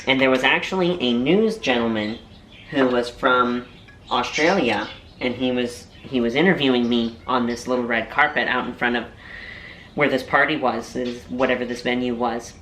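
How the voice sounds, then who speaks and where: A man's voice: medium pitch, moderate pace, fairly bright tone, a little hiss or hum. A young man and voiceover artist chatting casually to camera in a food-tasting vlog. He rambles and cracks playful self-mocking jokes. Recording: roomy echo.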